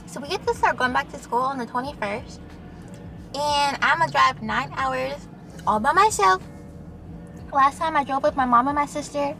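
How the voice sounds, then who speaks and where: A woman's voice: sits high, moderate pace, sharp tone, faint music behind. A young woman chatting casually with the camera while eating, chatty and loose, full of fillers. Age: young adult. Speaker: vlogger. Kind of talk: casual mukbang chat.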